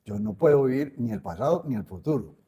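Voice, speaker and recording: Older man with a dark husky voice. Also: medium pitch, lively intonation, quick pace. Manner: earnest, repeats key phrases. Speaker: guest speaker on spiritual growth. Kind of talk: reflective conversational teaching.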